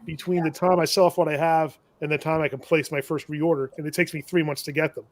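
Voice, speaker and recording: Talkative male shop vendor, slightly high voice, rambling anecdote with wry chuckles. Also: level tone, fast talker, no echo. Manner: rambling, self-correcting, chuckles at own misfortune. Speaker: shop owner and tool vendor. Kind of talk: casual storytelling on a live show.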